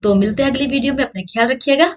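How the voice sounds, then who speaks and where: A woman teacher. She reads a textbook passage aloud and then explains it, saying example words slowly and more than once to contrast their sounds. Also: high voice, dull audio. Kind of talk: online grammar lesson.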